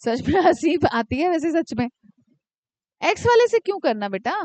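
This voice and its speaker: A high-pitched woman teacher runs a lively class. She stops to tease and scold students by name, then dictates word by word. Her voice sounds close and dry, with no room echo. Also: moderate pace. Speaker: commerce teacher. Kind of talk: live classroom lecture.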